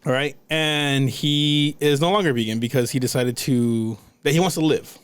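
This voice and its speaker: A young man co-hosting a podcast in casual chat, rambling with halting restarts and lots of fillers. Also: mid-range voice, steady tone, smooth. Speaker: podcast co-host.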